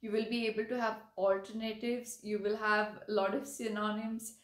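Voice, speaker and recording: A woman's voice: mid-range voice, flat delivery, moderate pace, echoey room. A woman teaching English vocabulary, explaining patiently and often checking in with "right?". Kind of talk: vocabulary lesson.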